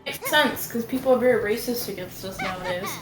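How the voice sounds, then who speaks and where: A woman's voice: a little high, lively intonation, fairly quick, faint music behind, poor audio. A woman chatting casually while playing a game, teasing and giggly. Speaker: co-player. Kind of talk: casual gameplay banter.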